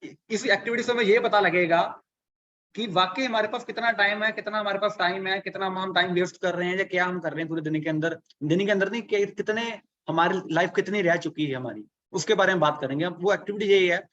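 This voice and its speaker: A man with a fairly high voice leads a live online workshop on productivity. He keeps asking his audience rhetorical questions and walks through arithmetic one step at a time. The webinar audio sounds dull and lo-fi. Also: a little fast, a bit bright. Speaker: online business coach.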